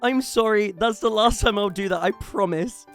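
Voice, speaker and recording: A man with a notably high voice narrates his farming game in a scripted voice-over, full of playful, theatrical asides. Soft music plays quietly underneath. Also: normal speed. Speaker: gaming channel host.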